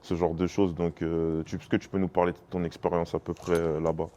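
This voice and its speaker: A man's voice: low voice, flat delivery, a little fast, warm tone. A man interviewing a player casually, with long, rambling questions. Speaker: interviewer and scout.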